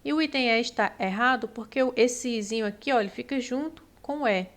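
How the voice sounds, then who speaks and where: A woman with a Brazilian Portuguese accent giving a patient exam-prep lesson, stretching out syllables and checking in often with the class. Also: a little high. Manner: patient, drawn-out syllables, frequent "né?" and "ó". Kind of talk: explanatory lesson.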